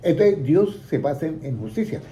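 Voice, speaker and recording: A man's voice: on the high side, sing-song, normal speed, dark tone. A man leading a Bible lesson for a small indoor group, asking questions and leaving his sentences open for listeners to complete. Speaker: Bible teacher.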